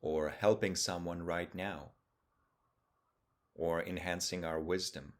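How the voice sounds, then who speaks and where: A man whose voice sits low leads a guided meditation as its teacher. He speaks calmly, measuring out short phrases and letting long pauses fall between them.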